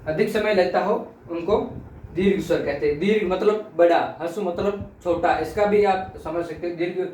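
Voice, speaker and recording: Man, teacher, high voice, patient repeated explanations, stretched vowel demos, roomy echo, set back from the mic. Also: moderate pace, darkish tone. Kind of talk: classroom lesson. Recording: echoey room, mic at a distance, faint noise.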